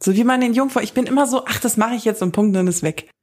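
A woman's voice: a little high, fast talker, darkish tone, breathy edge. A woman in her late twenties co-hosting a podcast, chatting frankly but a little bashful. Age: late 20s. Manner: bashful, laughs easily. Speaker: podcast co-host. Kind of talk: frank casual conversation.

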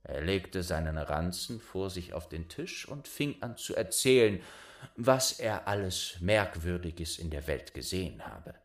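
A man reading a fairy tale aloud in a slow, expressive and deliberate storyteller manner. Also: deep voice.

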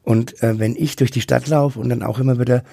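A middle-aged man with a husky, gravelly voice, talking candidly and haltingly as an interview guest. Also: mid-range voice, fairly even intonation, dark tone, no room sound. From Franconia, Germany. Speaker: interview guest, drag queen and queer activist.

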